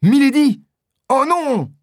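A reader voicing a bold young musketeer in a storybook reading, shouting commands and crying out in anguish. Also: sits high, very animated, takes it slowly, no room sound, clean studio sound, pitched above the performer's own voice, exaggerated voice.

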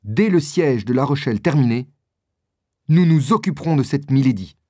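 A man voicing a grave, calm male musketeer who speaks with measured caution. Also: mid-range voice, dry recording, studio quality, lightly acted.

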